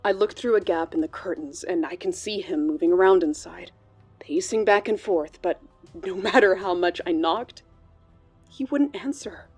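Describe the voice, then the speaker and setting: A woman with a fairly low, slightly rough voice speaks at normal speed, playing a worried, hesitant bank colleague giving interview testimony in a true-crime audio drama. Uneasy, she recalls a troubling friend while background music plays.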